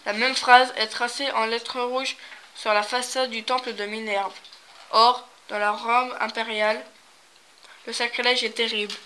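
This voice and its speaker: Lady reading a book blurb, bright voice, bit of hiss behind. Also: a little high, little pitch movement, measured pace, rough recording. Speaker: presenter. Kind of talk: scripted narration.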